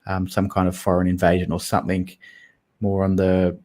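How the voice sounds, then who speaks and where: A man with a low, deep voice co-hosts a casual investing podcast. He talks things through slowly and carefully, softening his points with small hedges. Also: completely flat delivery. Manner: thoughtful, hedging with "I guess" and "kind of". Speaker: podcast co-host.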